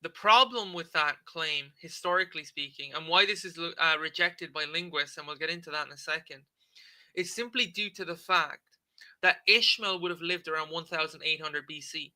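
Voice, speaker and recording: A livestream debate host with a bright, fairly high-pitched voice gives a casual lecture, reading and commenting on a text at a moderate pace. He's conversational, often checking in with "okay?" and filling gaps with "um."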